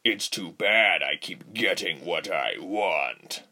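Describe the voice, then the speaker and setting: A man playing a smug slow-talking villain commander. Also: deep voice, expressive, pushed and bright, heavily acted. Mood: menacing. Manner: slow, smirking, menacing.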